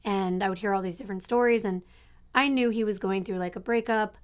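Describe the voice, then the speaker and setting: A woman in her forties, co-host of a couple's channel, telling a rambling, animated story in casual chat. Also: medium pitch, a little fast, clean tone. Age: 40s.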